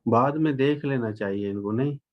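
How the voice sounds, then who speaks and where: A man's voice: mid-range voice, moderate pace, lo-fi sound. An older man with a Pakistani accent teaching English in a live online class. He switches between Urdu-Hindi and English, repeats phrases and stretches out the example sentences. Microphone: computer microphone.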